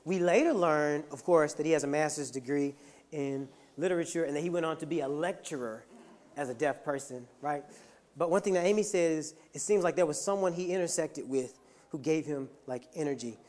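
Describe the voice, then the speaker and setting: An instructor runs an interactive discussion with the room, speaking at an ordinary mid pitch in an energetic, conversational way. The delivery keeps reaching out to the listeners for agreement. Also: brisk. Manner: energetic, conversational, checks in with "right?". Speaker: teacher leading a workshop.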